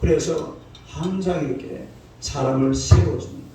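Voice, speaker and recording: An older pastor, sixty-something, leads a dawn service with a fairly high, dark voice and a slightly slow delivery. He's folksy and reproachful, drawing responses from the pews, recorded from afar in an echoing sanctuary with faint background noise.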